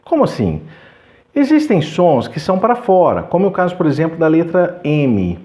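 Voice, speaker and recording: A man with a Brazilian Portuguese accent teaching English pronunciation, explaining clearly and slowing down to model the sounds. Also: on the high side, wildly swooping pitch, warm tone. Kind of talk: scripted lesson.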